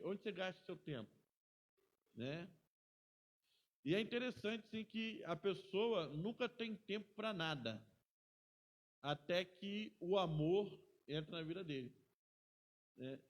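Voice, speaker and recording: The speaker, a middle-aged pastor with a fairly high-pitched voice, teaches Bible school informally. Many of his sentences close with a quick tag question.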